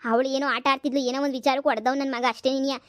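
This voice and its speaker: A woman's voice: high voice, flat delivery, very fast, no echo, lightly acted. A woman voicing a rich landlord's wife in a cartoon comedy, talking in a placating but insistent way.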